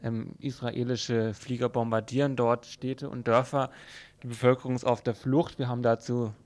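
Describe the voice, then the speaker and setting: Hosting a radio news show, this man talks in a loose, conversational style that stumbles a bit at times. His pitch is medium, his delivery flat, and his tone darkish.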